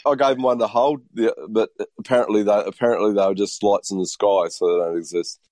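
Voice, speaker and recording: Kiwi-born guy, low voice, talks fast, dry jokes in a casual chat. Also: steady tone, a little mellow. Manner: quick, dry wisecracks.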